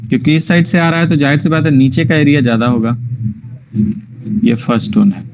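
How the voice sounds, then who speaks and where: A man's voice: mid-range voice, creaky, darkish tone, slight background noise. A man teaching an online drawing class, explaining step by step and often checking that his students follow. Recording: muffled lo-fi online class audio.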